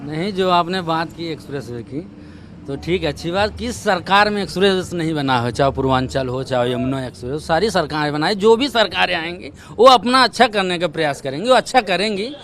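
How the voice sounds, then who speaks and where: A man giving his opinion in a measured way during a roadside interview. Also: on the high side, animated, fairly bright tone, slight background noise. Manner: measured, then irritated. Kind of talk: street vox pop. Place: roadside outdoors.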